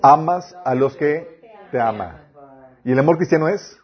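A man's voice: fairly high pitch, animated, unhurried, dull audio. A man preaching a sermon, quoting scripture and asking his listeners rhetorical questions.

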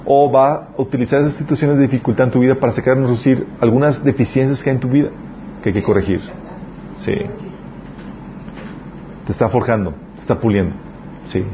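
A man's voice: medium pitch, a little hiss or hum. Man, conversational sermon, earnest, muffled lo-fi audio. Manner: earnest, conversational preaching with personal stories. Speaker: preacher. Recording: dull lo-fi recording.

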